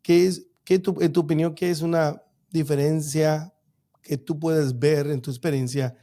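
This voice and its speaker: Mellow male podcast host. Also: fairly high pitch, steady tone, a little slow. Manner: scripted warm introductions, hesitant questions. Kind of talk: podcast hosting and interviewing.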